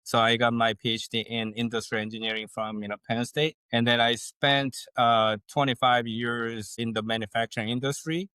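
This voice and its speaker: A man, a guest on a podcast interview who explains things in a measured way with folksy sayings. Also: medium pitch, flat delivery, pushed and bright, clean tone, no echo. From South Korea. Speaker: guest, leadership consultant.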